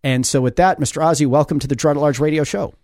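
A man's voice: fairly high pitch, fast, a little mellow, no echo. Hesitant man hosting talk radio. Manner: hesitant, with many fillers. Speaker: radio talk show host. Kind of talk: radio interview. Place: radio studio. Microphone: studio mic.

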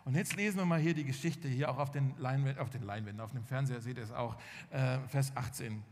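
A man's voice: mid-range voice, fast, darkish tone. A man preaching a sermon, telling the story vividly and acting out the dialogue. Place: church hall. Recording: long hall reverb.

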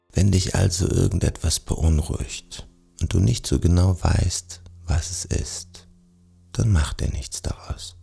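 A man narrating a guided sleep meditation in a soothing, gentle manner, speaking softly and directly to the listener. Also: rumbling low, gravelly, slightly rough.

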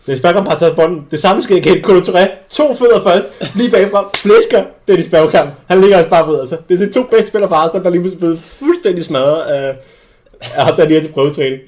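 A young adult man hosting a casual sports podcast, telling lively anecdotes with many restarts. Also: high-pitched, slight background noise. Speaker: podcast host. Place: small studio.

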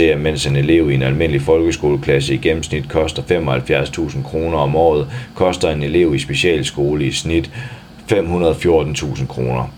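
A man reading a news article aloud in a steady, even way, even speaking the punctuation. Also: extremely low pitch, a little hiss or hum.

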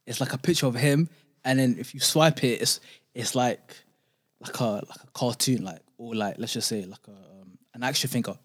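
A man's voice: medium pitch, moderate pace, slightly rough. A young man with a London roadman accent chatting casually in slangy, repetitive street talk. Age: young adult. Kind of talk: casual chat.

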